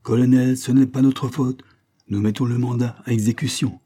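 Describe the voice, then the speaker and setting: A man's voice: medium pitch, fairly even intonation, moderate pace, warm tone, breathy edge, voice pushed up, close to an everyday voice. A man voicing a courteous but firm police officer in an audiobook reading. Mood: polite firm.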